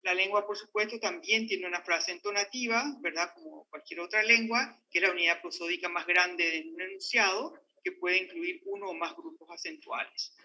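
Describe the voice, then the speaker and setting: Male lecturer, Paraguayan accent, higher voice, hesitant academic delivery, dull livestream sound. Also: steady tone, normal speed, few pauses, bright, forceful tone. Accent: Paraguayan Spanish. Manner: hesitant, many fillers and restarts. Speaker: conference lecturer on linguistics.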